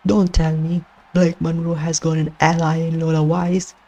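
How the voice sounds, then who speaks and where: A man doing play-by-play commentary on a wrestling video game, excitable and exclaiming at surprises, his voice strained and going hoarse. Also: on the high side, moderate pace. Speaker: gaming channel host doing commentary.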